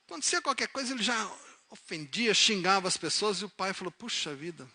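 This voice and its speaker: A man from the São preaching in a church, his voice high-pitched and bright. He moves from soft, low storytelling into loud, emphatic calls to his listeners. He acts out the characters in his stories as he goes. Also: expressive, brisk. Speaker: pastor. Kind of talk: sermon with illustrative stories. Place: church service, live-streamed.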